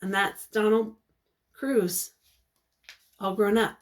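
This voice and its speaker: Like a teacher at story time, a medium-pitched woman reads from a picture book. Her reading is expressive and encouraging, punctuated by questions for the young ones.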